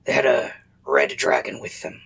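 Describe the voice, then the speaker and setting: A man's voice: normal speed, a bit bright, lightly acted. A man voicing a worried orc villager, telling of a raid in a tabletop game. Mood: anxious. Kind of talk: tabletop roleplay.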